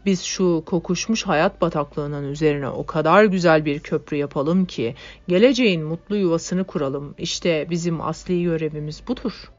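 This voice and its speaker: A woman's voice: sits low, normal speed, few pauses, close to an everyday voice. Brief: a woman doing a cheerful, rousing young man, muffled audiobook sound. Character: good-humored young male comrade.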